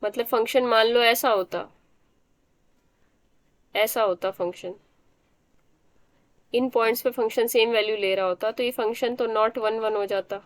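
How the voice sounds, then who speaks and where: A woman's voice: a little high, no room sound. A woman teacher giving a math lecture, explaining step by step and often checking that the students understand.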